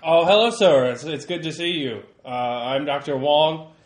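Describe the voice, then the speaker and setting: Fawning pushy reporter, raised pitch, polite and pleading, as a player voices him. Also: male voice, moderate pace, roomy sound, close to an everyday voice. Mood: ingratiating. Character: ingratiating male reporter character.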